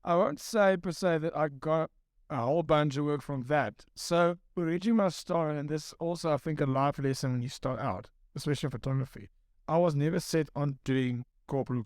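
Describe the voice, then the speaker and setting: A man in his thirties from South Africa, a guest photographer telling stories in a relaxed, rambling way during a casual panel chat. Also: medium pitch, fairly quick, no echo, clean studio sound. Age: 30s. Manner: relaxed, rambling storytelling with repeats.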